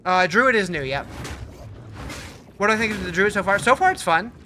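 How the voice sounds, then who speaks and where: A man's voice: high-pitched, expressive, a little fast, bright, forceful tone, slight background noise. A man livestreaming a game with casual commentary, answering chat and thinking aloud in a laid-back way.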